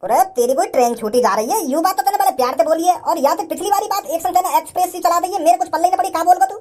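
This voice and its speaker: A stern, short-tempered village father talks down to a young suitor, mocking him one moment and threatening him the next in rustic speech, as a woman acts him out. The voice sits high, and faint music plays behind it in this comedy sketch. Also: very fast, darkish tone.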